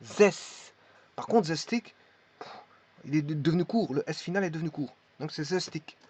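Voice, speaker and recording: A male language teacher gives a spoken lesson, hesitating and repeating each word as he shows how to pronounce it. His voice is on the high side, darkish and slightly rough, and he talks fairly quickly. The recording is dull and lo-fi.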